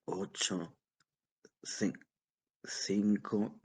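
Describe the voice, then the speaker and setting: A man voicing a frail, irritable eighty-year-old man who stammers and halts over his words, in a husky voice. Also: fairly low pitch, fairly even intonation, full character voice. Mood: halting. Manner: halting, stammering, querulous.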